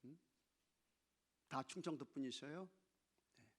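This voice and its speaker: A man preaching a sermon as pastor, shifting from loud exclamations to hushed asides and playfully mimicking regional dialects. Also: mid-range voice, slow pace. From not from Chungcheong. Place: church sanctuary.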